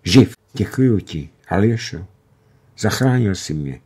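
A wounded airman lying on a stretcher, speaking weakly to his rescuer, acted by a male narrator. His low, husky voice carries strained emotion in a radio reading of a war novel. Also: expressive, warm tone. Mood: moved.

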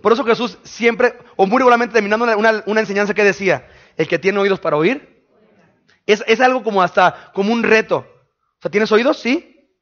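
A man preaching a sermon in a conversational way, firing quick questions at his listeners. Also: sits high, a bit bright, muffled recording. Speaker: pastor. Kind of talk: sermon teaching.

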